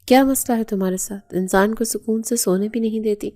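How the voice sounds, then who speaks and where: A woman voicing a young husband who speaks firmly and gently in a storybook reading, close to her own mellow voice. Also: on the high side, fairly even intonation, lightly acted. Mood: stern. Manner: firm, then gentle. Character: young man, stern husband who softens.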